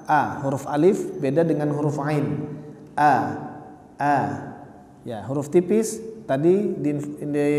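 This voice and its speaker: A man leads a Quran recitation class in a mosque hall. He speaks slowly and patiently, sounding out each letter for his students. His slightly high voice carries a long echo around the room. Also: dark tone. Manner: patient, corrects pronunciation by modelling sounds slowly. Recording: roomy, echoey mosque hall.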